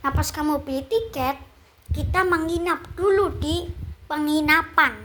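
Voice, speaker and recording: A woman's voice: sits high, a little slow, fairly bright tone. A chatty woman, casually talking a friend through a skit script. She strings the scenes together with "then" and acts out each quoted line, her tone shifting. A faint hum of ambience sits behind her. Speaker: script dictator.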